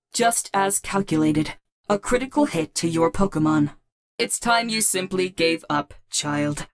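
A woman playing an intense artificial female professor from a video game. She talks slowly and deliberately at a middle pitch, with a formal, theatrical, calculating manner. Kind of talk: dramatic video game character acting.

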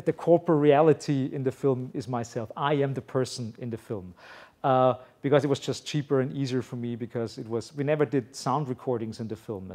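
A man's voice: medium pitch, darkish tone. A middle-aged man, a film director, answering audience questions at a festival, rambling with many fillers and restarts. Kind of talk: casual Q&A answers. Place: festival hall before an audience.

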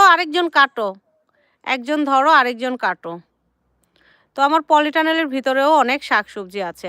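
A chatty woman in her thirties vlogs from her garden, her voice bright and crisp. She is close to the mic with a dry, roomless sound, gently coaxing her kids and turning to speak to her viewers. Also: a little high, no room sound. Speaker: vlogger and mother. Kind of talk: casual garden vlog chat. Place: home garden outdoors, sitting with tea.

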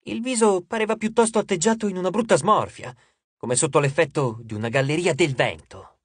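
A man narrating an audiobook in an expressive, lively storytelling manner, recorded in a studio. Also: on the high side, fairly quick, husky, dry recording. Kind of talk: scripted narration.

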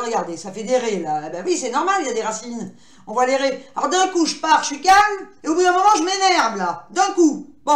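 A woman's voice: on the high side, roomy sound. A woman vlogging at her computer desk at home, rambling and talkative, poking fun at herself. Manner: rambling, talkative, self-mocking. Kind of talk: casual chatty vlog monologue.

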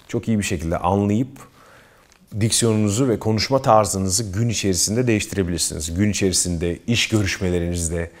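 A man's voice: on the low side, darkish tone. A man giving self-improvement advice to his viewers, earnest and emphatic, often addressing them as friends. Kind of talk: advice talk to camera.

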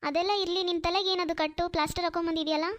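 A woman voicing a kind, trusting young female college student in a cartoon, soft and earnest. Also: very high voice, little pitch movement, quick pace, dry recording, clean studio sound. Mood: surprised. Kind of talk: Kannada cartoon voice acting.

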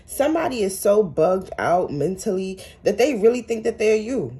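A young woman reads tarot in a casual, blunt, profane way, dropping street slang as she goes. Her voice sits at an ordinary pitch with a mellow, darker tone. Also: expressive, normal speed. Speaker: tarot reader.

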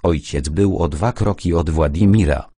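A man narrating an audiobook in a calm, even storytelling manner. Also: sits low, normal speed, slightly rough, dry recording, studio quality.

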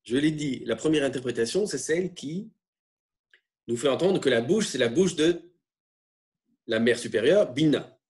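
A man lecturing on religious texts, explaining in a halting way with frequent tag questions. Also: medium pitch, animated, darkish tone.

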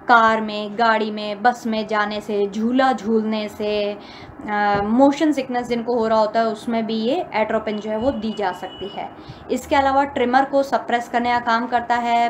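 A woman lecturer teaching pharmacology, reading English lines slowly and then explaining them again in her own words. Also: fairly high pitch. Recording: faint background noise.

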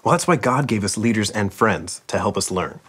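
A man's voice: lowish voice, lively intonation, a little fast, a bit bright, slightly rough. A man in his thirties giving reassuring, teacherly advice on a kids' show set indoors. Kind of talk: scripted kids' show dialogue.

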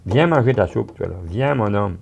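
A man voicing a brisk, commanding middle-aged farm mother with a Québécois accent. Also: fairly low pitch, lively intonation, vocal fry, darkish tone. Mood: bossy. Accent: Québécois French.

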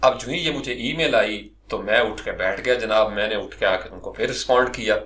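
This middle-aged Pakistani freelancer, whose voice sits on the low side, shares his career journey in an animated personal monologue. Along the way he regularly addresses his listeners with politeness.

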